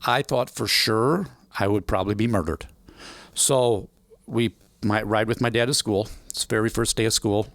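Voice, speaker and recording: A man in his forties telling a life story as a podcast guest, animated and acting out the voices of people he quotes. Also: fairly low pitch, normal speed, no echo. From United States. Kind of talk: storytelling interview.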